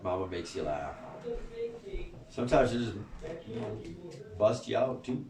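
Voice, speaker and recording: A man's voice: fairly low pitch, lively intonation, unhurried, a crowd in the background. Man, spiritual group leader, swearing and laughing, recorded from a distance, echoey room. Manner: profane, laughing, swings between soft and loud. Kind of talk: rambling spiritual talk to a gathering. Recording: echoey room, far from the mic.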